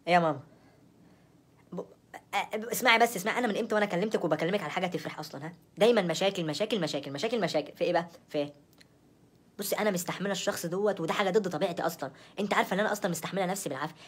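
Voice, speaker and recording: A woman's voice: fairly low pitch, husky. A young woman with an Egyptian accent performing a comic phone-call sketch, sounding exasperated and repeating herself over and over. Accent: Egyptian Arabic.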